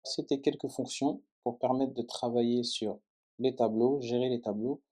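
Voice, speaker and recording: Typing through a French coding tutorial on screen, this male instructor explains every step and keeps checking in with his audience. His medium-pitched voice is expressive, creaky and slightly rough, dark in tone, and moves at a moderate pace.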